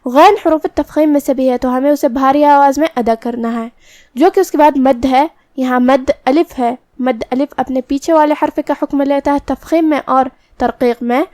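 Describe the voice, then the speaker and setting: Woman, high voice, smooth, tajweed teacher, step-by-step explanations, slow chanting of verses. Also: steady tone, a little mellow, dry recording, clean studio sound. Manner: explains each letter rule step by step. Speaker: Quran recitation teacher. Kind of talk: tajweed lesson with slow recitation.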